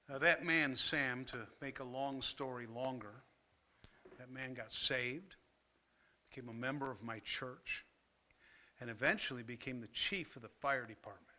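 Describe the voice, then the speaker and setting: An older man, a pastor and former fire chaplain, telling an earnest story at a church workshop, pausing often and growing emotional at times. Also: medium pitch, sharp tone. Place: church meeting room.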